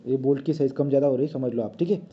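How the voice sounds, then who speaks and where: Speaking rapid-fire in a mid-range voice, a man runs through a drawing lesson as he draws, checking often with "right?" The recording is dull and lo-fi.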